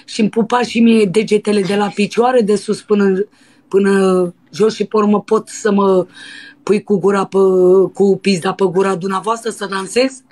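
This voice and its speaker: A woman putting on a brazen, lustful young dancer in a prank phone call, pushy and breathy. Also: medium pitch, fairly even intonation, darkish tone, natural voice. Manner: pushy and breathy, with crude demands. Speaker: prank caller.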